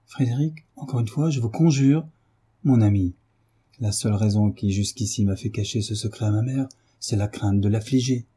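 A man reading a novel aloud and voicing a kindly mentor, gently reproachful, in a husky dark voice. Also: on the low side, normal speed. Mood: pleading.

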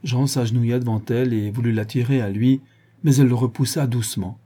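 A man reading a novel aloud in a measured, even storytelling manner. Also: medium pitch, slightly rough. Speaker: audiobook reader. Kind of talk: scripted novel narration.

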